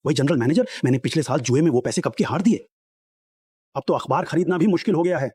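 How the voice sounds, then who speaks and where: A greedy former gatekeeper squeezes his old boss for money in a husky, dark voice, as played by a man. He talks fast in this dubbed drama and swings between wheedling and threats. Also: on the high side, animated, no room sound.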